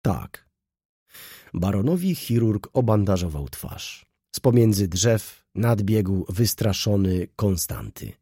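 A man narrating a classic novel in an expressive, theatrical reading. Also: on the low side, unhurried, hardly any pauses, husky, no room sound, studio quality. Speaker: audiobook narrator.

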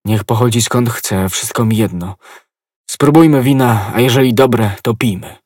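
A carefree, hearty musketeer with a blunt, jovial way of talking, as a male narrator puts him on. The voice is husky and fairly low, recorded dry and close. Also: moderate pace, a little mellow, no echo, close to an everyday voice. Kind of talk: audiobook reading.

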